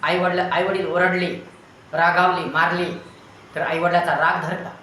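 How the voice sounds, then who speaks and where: A man's voice: sits high, level tone, moderate pace, pushed and bright, slight background noise. A man teaching, giving students an earnest motivational talk in long repeated lists of advice. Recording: very echoey room with faint ambience.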